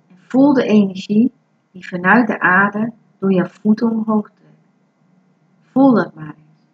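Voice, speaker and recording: Slow, soothing woman guiding a meditation. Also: mid-range voice. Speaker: meditation guide. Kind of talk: guided breathing meditation. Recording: dull lo-fi recording.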